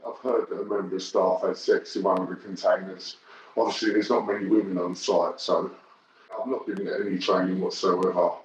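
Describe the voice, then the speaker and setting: A man speaking hesitantly through a deep disguised voice as an anonymous worker. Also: flat delivery. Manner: hesitant, halting. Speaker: whistleblowing site worker. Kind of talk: anonymous interview clip. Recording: distant, dull, echoey.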